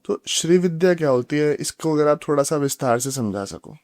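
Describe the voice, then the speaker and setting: A man hosting a podcast interview, asking questions in a soft-spoken way and often giving short acknowledgements. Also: fairly high pitch, expressive, a little fast, no echo, studio quality. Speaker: podcast host.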